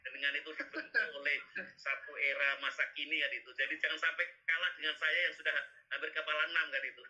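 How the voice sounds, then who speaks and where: A man's voice: fairly high pitch, level tone, fast talker, sharp tone, poor audio. A man, lecturing a teachers' workshop over a video call in a rambling way, tagging his sentences with questioning asides. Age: 50s. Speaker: workshop instructor.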